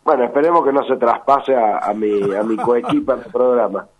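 A sick Argentine man with a hoarse, sepulchral voice, giving halting, deliberate political commentary in a live phone interview. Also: mid-range voice, crowd noise. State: sick with a virus. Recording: tinny phone line on radio.

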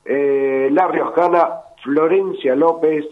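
Hoarse, sepulchral Argentine man on the phone. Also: a little high, steady tone, slow pace. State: sick with a virus. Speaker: political commentator calling in. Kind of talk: live phone interview commentary. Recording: tinny phone line on radio.

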